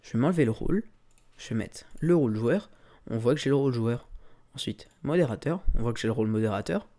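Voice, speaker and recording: A tutorial creator talks fast in a mid-range voice while recording his screen. He stays relaxed, describing every click and sprinkling in many fillers.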